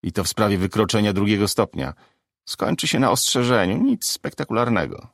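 A man playing a calm, official agent. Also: fairly low pitch, gravelly, no echo, clean studio sound, exaggerated voice. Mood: assured. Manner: measured, reassuring, official. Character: calm, authoritative male agent of guilt.

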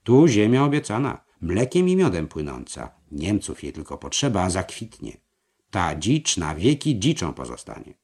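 Man doing a zealous plotting knight, husky and loud. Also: deep voice, wildly swooping pitch, normal speed, heavily acted. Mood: fervent. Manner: preaching, fervent. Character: zealous scheming male crusader knight.

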